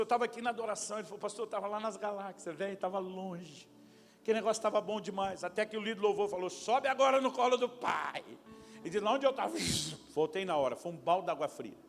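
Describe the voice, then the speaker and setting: Fast-talking high-voiced male pastor. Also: in a large hall. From Brazil. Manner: animated, acts out dialogue with shifting pitch and volume. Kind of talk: storytelling sermon. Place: large church hall at a conference.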